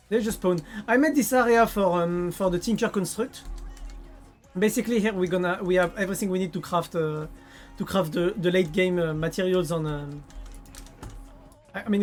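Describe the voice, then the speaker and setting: A woman's voice: on the low side, normal speed, long pauses, a little mellow, faint music behind. A woman with a French accent chatting casually with viewers while playing a game on a live stream. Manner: chatty, answers viewers' chat.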